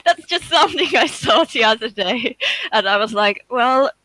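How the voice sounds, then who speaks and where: Bright, lively woman, non-native English speaker. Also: a little high, normal speed, dry recording, rough recording. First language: not English. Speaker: tabletop game player. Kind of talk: casual chat among players.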